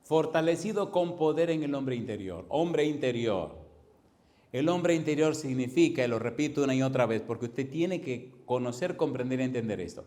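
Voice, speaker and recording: A man preaching a fervent sermon as pastor, with emphatic repetition, drawing some words out slowly and rushing through others. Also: medium pitch, mellow. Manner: swings between slow stressed words and fast runs.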